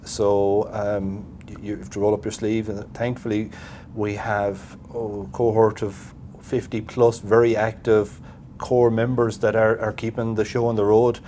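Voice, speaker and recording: Male, West of Ireland accent, lowish pitch. Conversational society officer, thinks aloud haltingly, faint noise behind. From Galway, Ireland. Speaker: president of a voluntary radio society. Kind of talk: casual interview chat. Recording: steady background noise with low rumble.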